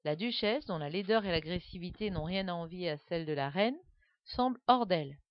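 A woman narrating a children's story with a lively, expressive reading, on a dull, dry recording. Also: lowish voice, brisk, no echo.

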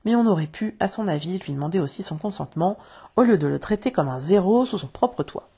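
Reader doing a grumpy fussy dad, loud and emphatic, husky voice. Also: female voice, fairly low pitch, animated, a little fast, heavily acted. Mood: grudging. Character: sulky fussy father, grudging then cheerful.

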